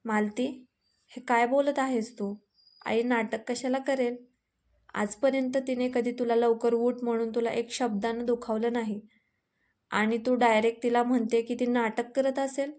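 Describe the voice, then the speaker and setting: A woman's voice: fairly high pitch, little pitch movement, a little slow, darkish tone, natural voice. A woman voicing a stern young farmer husband. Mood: angry. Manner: raised, scolding delivery. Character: young male farmer, hurt but firm husband. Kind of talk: storybook reading.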